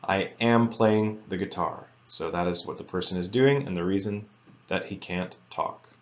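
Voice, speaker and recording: A man teaching an English grammar lesson to students, reading example sentences slowly and carefully. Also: low-pitched, steady tone, lo-fi sound. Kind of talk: recorded lecture for students.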